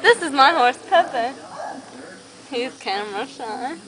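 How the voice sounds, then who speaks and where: Young woman, bubbly jokey tour guide, high, animated delivery, handheld camera. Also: slow, noisy background. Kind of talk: playful home tour vlog. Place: farmhouse rooms and outdoor farmyard. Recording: music bed underneath.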